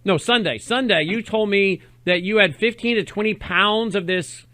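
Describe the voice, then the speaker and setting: A man's voice: high voice, normal speed, pushed and bright, no room sound. A man hosting an opinionated conversational interview, insistent, repeating words and prompting with questions. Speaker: host interviewing a correspondent.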